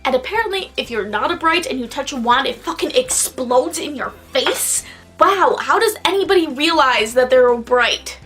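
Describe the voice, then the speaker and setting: A woman's voice: high voice, expressive, normal speed, a bit bright, faint music behind. A tipsy woman vlogger giving a casual, sweary review in a rambling, exclamatory way, stretching out stressed words. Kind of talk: casual, profane video review.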